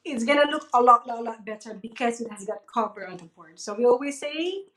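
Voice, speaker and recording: A woman's voice: on the high side, animated, fairly quick, fairly bright tone. Friendly woman co-hosting a baking demo. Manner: friendly, chimes in, addresses viewers as "guys". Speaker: co-host of a cake decorating class. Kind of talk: live demonstration, casual chat. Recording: echoey room.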